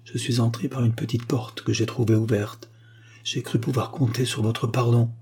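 A man's voice: medium pitch, little pitch movement, normal speed, mellow, slightly rough. A man voicing an ardent young nobleman who pleads urgently and insistently. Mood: pleading. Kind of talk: audiobook character voice.

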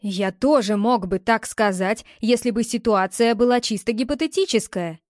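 A woman's voice: on the high side, moderate pace, darkish tone, no echo, clean studio sound, natural voice. A woman voicing a young man, a tense ex-boyfriend who pleads and then turns curt and defensive, in an audiobook. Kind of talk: audiobook character reading.

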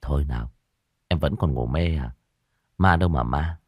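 A man voicing a calm young man who speaks softly and coaxingly to his frightened girlfriend. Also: very deep voice, moderate pace, slightly rough, no room sound, studio quality, pitched below the performer's own voice. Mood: soothing. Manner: soft, hushed, coaxing.

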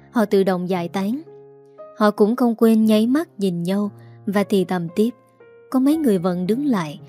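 A woman narrates an audiobook story in a steady, even manner. Her voice sits in the middle range. Faint music plays underneath. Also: medium pitch.

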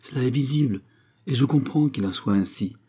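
A man's voice: mid-range voice, fairly quick, mellow, breathy edge, voice pushed up, lightly acted. A man doing a timid, pleading young girl. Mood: anxious. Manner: pleading, tremulous.

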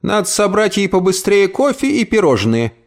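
A sharp-tongued old woman in a storybook, scolding in a high, shrill voice that leaps up and down. A man acts her out, pitching far above his own speaking voice. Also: very animated, normal speed. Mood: chatty.

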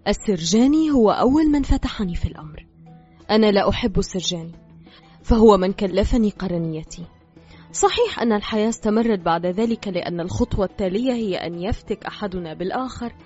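A woman reading a novel aloud as narrator, in a measured, dramatic scripted style. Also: medium pitch, darkish tone. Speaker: audiobook reader. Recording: slightly dull with faint music.

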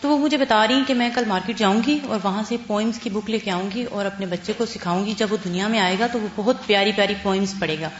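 A woman's voice: medium pitch, hardly any pauses. A woman student telling the class a heartfelt family story. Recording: echoey room, muffled, faint hum.

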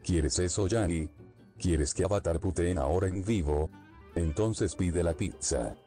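A man's voice: sits low, unhurried, mellow. A man with a bossy, scolding manner in a scripted radio bumper, with faint music behind.

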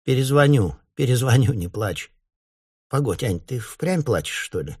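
A man's voice: medium pitch, expressive, unhurried, darkish tone, slightly rough, pitched above the performer's own voice. A man voicing an older mother, a pensioner who fusses, scolds and teases her daughter. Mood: grumbling. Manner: fussy, scolding, teasing. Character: chatty grumbling older woman, a pensioner mother.

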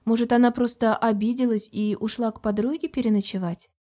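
Встревоженная молодая подруга, говорит взволнованно и неуверенно, чуть выше обычного, её озвучивает чтица. Тембр мягкий и тёплый. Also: female voice, fairly high pitch, fairly even intonation, a little fast, mellow, lightly acted. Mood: worried. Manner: worried, hesitant. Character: anxious caring female friend, young adult woman.

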